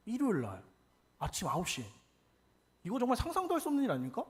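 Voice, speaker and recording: Young male Korean pastor, high, lively storyteller, husky, talks fast. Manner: animated, acts out quoted lines. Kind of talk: storytelling sermon.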